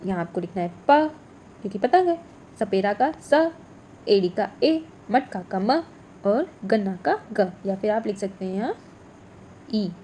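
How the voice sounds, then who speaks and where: A woman teacher walks young children through a workbook, saying every letter and word slowly and twice over. Her voice is mellow and dark at a middle pitch. A faint hiss sits under the recording. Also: expressive. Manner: slow, clear, repeats each letter and word.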